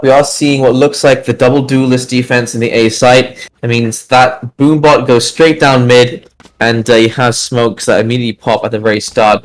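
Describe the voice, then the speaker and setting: Mid-pitched man giving esports analysis. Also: low-quality recording. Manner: steady, analytical breakdowns of the game. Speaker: esports co-caster. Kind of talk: live game commentary and analysis.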